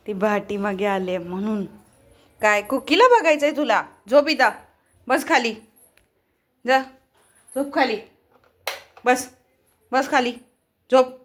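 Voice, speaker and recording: A woman talks to her dog the way you'd talk to a toddler, coaxing and bargaining with it. Her voice sits high and she takes her time over each short phrase. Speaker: vlogger. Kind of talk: casual pet vlog, talking to her dog.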